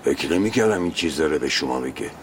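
A man's voice: a bass voice, animated, a little hiss or hum. An actor playing a middle-aged husband and father, earnest and firm, who wants to talk with his estranged wife.

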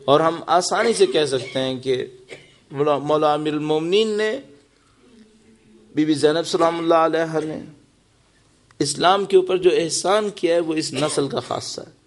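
A man's voice: fairly high pitch, pauses often. A man preaching a mourning sermon, impassioned and building to lamenting cries.

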